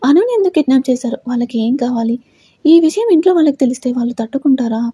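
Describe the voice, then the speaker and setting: An anxious, protective young brother in an audio story, as a woman narrator puts him on, firing off worried questions. The voice is mellow and husky and sits slightly high. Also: animated, fast talker, no room sound.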